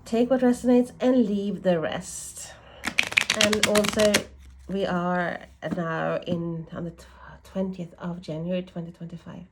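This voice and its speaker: This tarot reader speaks in a fairly low, steady voice, a little slowly, over a noisy background. She's doing a relaxed reading while stuffed up from a cold that won't go away, thinking out loud and frequently correcting herself.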